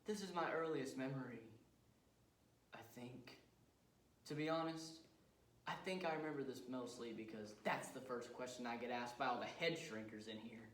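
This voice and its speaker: A young man performing a manic, taunting male serial killer on death row as a dramatic interpretation piece, with shouts and cackles. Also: mid-range voice, normal speed, far from the mic, slight background noise, natural voice. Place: competition room. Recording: roomy hall recorded from afar.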